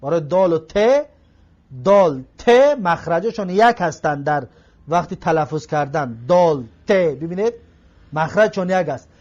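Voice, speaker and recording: A man's voice: a little high, animated, a little mellow. A man teaching an Arabic grammar lesson, repeating each phrase and translating it word by word. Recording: slightly dull lo-fi recording.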